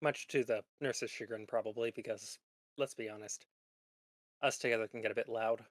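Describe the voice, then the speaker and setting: Bedridden young student woman, calm and chatty, as a man plays her, dry close sound. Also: mid-range voice, normal speed, no echo, close to an everyday voice.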